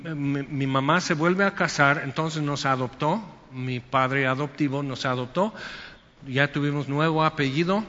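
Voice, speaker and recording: A man's voice: a little high, pushed and bright, big-room sound, highs cut off. A male pastor preaching a Sunday sermon in a conversational way, acting out quotes and asides.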